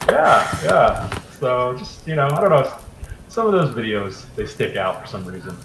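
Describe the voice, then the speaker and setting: Man, 40s, interview guest, relaxed storytelling, mid pitch, echoey room. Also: normal speed, gravelly, a little hiss or hum. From Raleigh, North Carolina. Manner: easygoing storyteller, frequent fillers. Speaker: interview guest, video creator. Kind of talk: casual interview chat.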